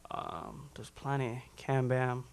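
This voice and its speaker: A young man from Minnesota, a musician guest chatting casually in an interview, loose and relaxed with frequent restarts. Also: medium pitch, slow, creaky, clean tone. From Minnesota, USA.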